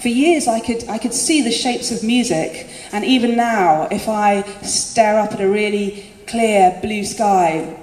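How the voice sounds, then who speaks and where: This woman's spoken-word set is slower, her mid-range voice carrying a darkish tone. She stays chatty and self-deprecating, frequently breaking into laughter, and the concert hall echoes with faint room noise around her.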